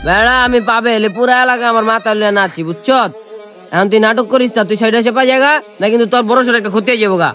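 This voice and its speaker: Brief: comic trickster man, high bright voice, boastful taunts. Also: rapid-fire, soft background music. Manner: swaggering, taunting, threatening. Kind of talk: slapstick comedy sketch.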